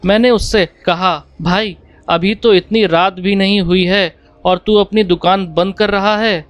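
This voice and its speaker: A man with a high-pitched, clean voice narrates a first-person horror story plainly, speaking the dialogue without changing his voice. The recording is dry and close-miked with no echo, and faint music plays behind him.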